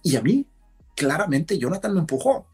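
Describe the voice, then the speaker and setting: A man, a podcast guest, telling a story in casual conversation, animated and acting out what others said. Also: fairly high pitch, normal speed, breathy edge, soft background music. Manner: animated storyteller, acts out shouted quotes.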